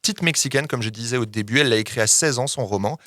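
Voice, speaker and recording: A man co-hosting a podcast, reading a gritty novel excerpt aloud with lively delivery, then chatting casually. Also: medium pitch, quick pace, no room sound, studio quality. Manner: lively dramatic reading with coarse slang. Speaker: podcast co-host giving a book tip.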